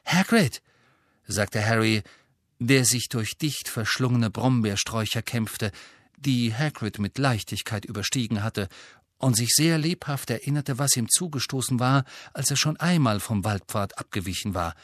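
A man narrating an audiobook in a steady storytelling manner. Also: mid-range voice, normal speed, no room sound. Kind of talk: scripted narration.

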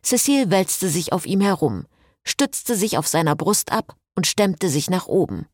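A woman reading a novel aloud as narrator in an expressive style. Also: fairly low pitch, unhurried, breathy edge, no echo, clean studio sound. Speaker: audiobook narrator. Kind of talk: scripted narration.

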